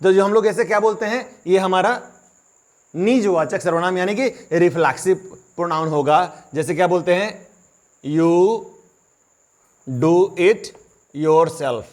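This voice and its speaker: High-voiced man teaching grammar. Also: slow pace, long pauses. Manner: explains step by step with rhetorical questions; acts out students' questions. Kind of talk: classroom-style grammar lesson.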